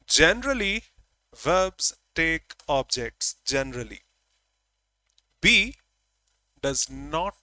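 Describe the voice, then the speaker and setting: A man's voice: medium pitch, bright, forceful tone, dry recording, rough recording. A middle-aged man teaching grammar in an online class, stressing words by raising his voice and acting out short dialogues.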